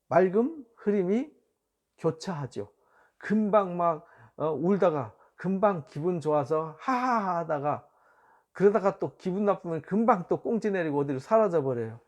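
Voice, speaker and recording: A man, a pastor, giving a church education lecture in an explanatory way, often pausing on fillers. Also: on the high side, darkish tone. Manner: explanatory, with frequent fillers and light laughs.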